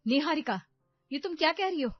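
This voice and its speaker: A proud young wife snaps back sharply in her own defense, as a woman voices her. The voice rides high with force. Dry, slightly lo-fi sound. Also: expressive, fairly quick, no room sound, soft background music. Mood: indignant. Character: proud young daughter-in-law, quick to anger.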